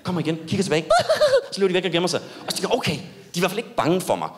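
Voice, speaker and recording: Lively, high-voiced male stand-up comic. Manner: animated storytelling, jumps into high yelps for punchlines. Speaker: stand-up comedian. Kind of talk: stand-up comedy set. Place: live comedy stage.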